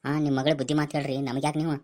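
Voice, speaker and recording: A woman playing a scheming young village guy in a comic skit, with a North Karnataka Kannada accent and rapid, scolding banter. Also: sits low, flat delivery, warm tone, lightly acted.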